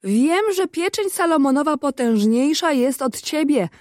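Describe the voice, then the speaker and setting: A stern, distrustful poor fisherman scolds and lectures in a storybook tale, as a woman reads him aloud. The voice sits fairly high and is recorded close and dry. The reading stays plain. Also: animated, a little slow, darkish tone, no room sound. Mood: reproachful. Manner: reproachful, lecturing.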